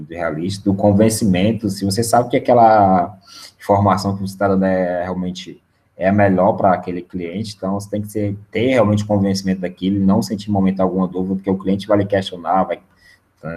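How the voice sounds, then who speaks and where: A man's voice: low-pitched, darkish tone. Brazilian man giving a casual sales webinar. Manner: conversational, keeps adding a questioning "né?". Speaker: sales trainer presenting a webinar.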